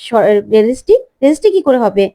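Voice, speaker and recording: A woman's voice: high voice, big pitch swings, fast, warm tone. A woman voicing a skeptical female relative in a story recap, pressing with questions. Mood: doubtful.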